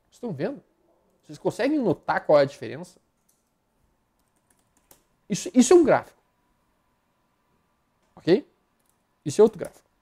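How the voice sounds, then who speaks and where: A man's voice: sits high, sing-song, moderate pace, long pauses, mellow, husky. A man with a Brazilian Portuguese accent giving live stock market commentary over charts, blunt and slangy, rattling off repeated words as he flips through them.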